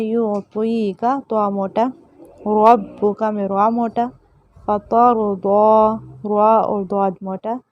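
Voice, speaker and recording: A woman teaching tajweed, chanting verses slowly and melodically, then explaining pronunciation in brisk instructive speech. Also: mid-range voice, a little mellow, dry recording. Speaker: Quran recitation teacher. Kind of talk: tajweed lesson, recitation and explanation. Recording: dull lo-fi dry recording.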